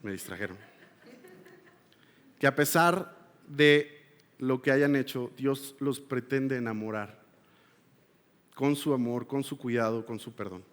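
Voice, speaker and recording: A man preaching a sermon, moving between loud appeals and hushed, confessional passages. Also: medium pitch, takes it slowly, long pauses. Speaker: pastor. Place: church hall. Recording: long hall reverb.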